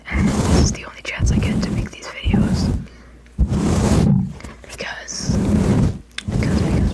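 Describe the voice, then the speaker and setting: A person whispering quickly in an informal ASMR ramble close to the microphone, often repeating and rephrasing phrases. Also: rough recording. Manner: fast, unvoiced whispering. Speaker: video creator and host.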